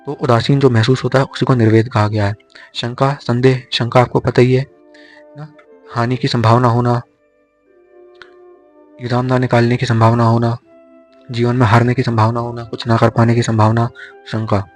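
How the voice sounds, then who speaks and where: Slow, flat-voiced young male tutor. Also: medium pitch. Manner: slow repetitive drilling of syllables. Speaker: exam tutor. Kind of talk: explaining Hindi poetics mnemonics. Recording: faint music behind.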